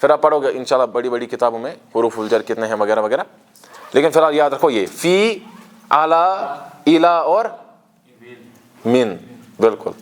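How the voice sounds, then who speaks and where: A man's voice: medium pitch, lively intonation, moderate pace, pauses often. Man teaching an Arabic grammar class. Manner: explains terms step by step, asks the class questions and drills them in recitation.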